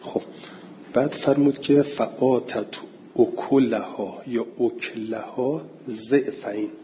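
A man's voice: medium pitch, steady tone, warm tone, lo-fi sound, a little hiss or hum. Man teaching in an echoey hall. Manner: explains step by step, poses and answers his own questions; slows down to recite Arabic verse and terms. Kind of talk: explaining Arabic word meanings in a class.

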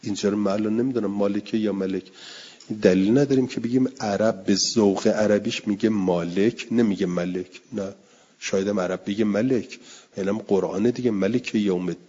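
A man's voice: fairly low pitch, steady tone, warm tone, husky. An older man teaching a religious studies class, patiently explaining rules and repeating them with worked examples. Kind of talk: classroom lecture. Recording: dull lo-fi recording with hall reverb.

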